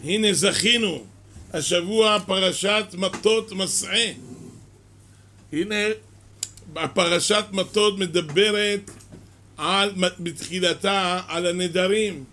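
Male Torah teacher, unhurried storytelling lesson, high and bright tone. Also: a little hiss or hum. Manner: slow, measured, storytelling delivery.

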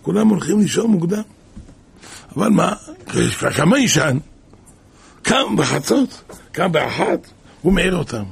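A man preaching a sermon and telling stories in an animated way, full of rhetorical questions. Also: high-pitched, pauses often. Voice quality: gravelly and husky. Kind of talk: sermon with storytelling.

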